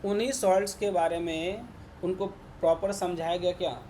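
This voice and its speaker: This programming lecture comes from a man with an Indian Hindi accent whose high, mellow voice stays fairly even at a normal speed. Repetitive by habit, he keeps asking "ठीक है ना" to confirm his students follow, over slight background noise.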